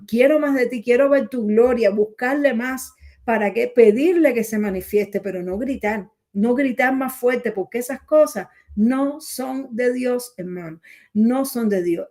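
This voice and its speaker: A woman's voice: fairly high pitch, a little mellow. A woman teaching the Bible in a sermon, earnest and repeating her points, often calling the listener brother.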